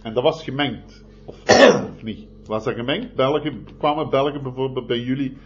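A man's voice: medium pitch, normal speed. A man interviewing for an oral history, asking short probing questions. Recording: muffled with faint noise.

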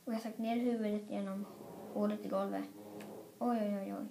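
A woman reading a children's story aloud in an expressive, playful way. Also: mid-range voice, creaky, a little hiss or hum. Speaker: storybook reader. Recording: roomy echo.

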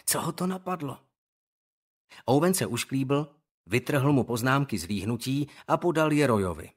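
A man reading an audiobook in calm, measured scripted narration. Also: medium pitch.

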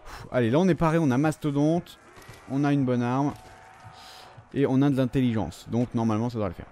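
A man talks over his own gameplay in a loose, unscripted commentary. He swears freely and rants at the game in frustrated bursts, then reins himself in and talks himself calm again. It sounds like an ordinary man reacting live as he plays. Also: mid-range voice, fairly quick, a little hiss or hum. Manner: profane, frustrated ranting that swings between outbursts and calming himself. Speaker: gamer recording his gameplay.

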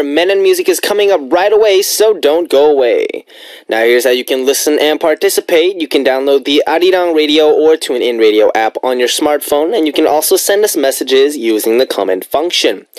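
A man's voice: a little high, no room sound. A young man in his twenties hosting a radio show from a studio, upbeat and joking. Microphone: studio boom mic.

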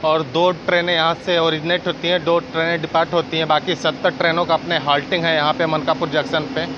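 A man in his thirties narrates a train travel vlog, upbeatly listing station facts like a guide while filming on a phone at arm's length outdoors on railway platforms and at a moving train door. His voice is on the high side, fast, with little pitch movement. The recording is muffled, with background noise.

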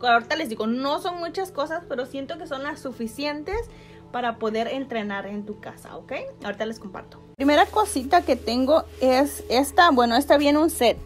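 A woman's voice: sits high, normal speed, faint music behind. A woman in her thirties with a Mexican Spanish accent, chatting casually to a phone camera in a small bedroom and giving upbeat, motivating talk. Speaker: fitness vlogger. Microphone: phone camera close up.

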